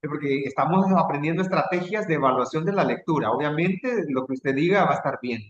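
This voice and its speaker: Salvadoran male trainer on a video call, chatty lecturing tone, slightly raised pitch, roomy echo. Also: fast, highs cut off. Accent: Salvadoran Spanish. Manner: conversational, checks in with rhetorical asides. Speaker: teacher leading a training session. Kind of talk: online lecture.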